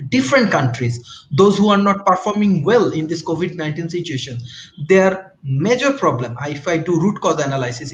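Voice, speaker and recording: A man's voice: fairly high pitch, echoey room, lo-fi sound, slight background noise. A man from Bangladesh speaking on an online panel discussion, hesitant, with many restarts and fillers. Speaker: panel guest.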